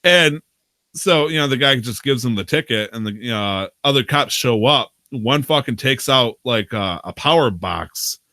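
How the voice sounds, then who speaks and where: A man's voice: medium pitch, expressive, a little slow, sharp tone, no echo, studio quality. A man hosting a podcast, casually telling a long, profane, rambling story about his roleplay game character, laughing often. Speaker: podcast host.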